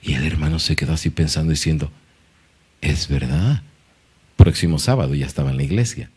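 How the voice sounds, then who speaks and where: Animated pastor telling a story. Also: male voice, a bass voice, rapid-fire, husky. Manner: animated, acts out quoted dialogue. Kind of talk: storytelling in a church talk.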